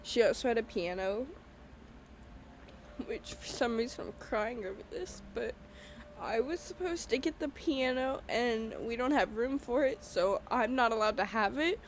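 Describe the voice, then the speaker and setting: Tearful young woman, halting and apologetic. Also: fairly high pitch, slight background noise, low-quality recording. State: crying. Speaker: podcaster. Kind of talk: personal podcast monologue.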